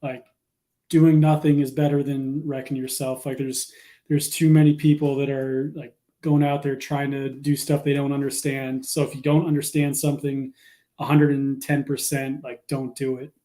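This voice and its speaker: A man's voice: mid-range voice, flat delivery, moderate pace, dark tone. A man as a guest on a casual livestream, giving earnest advice with many fillers.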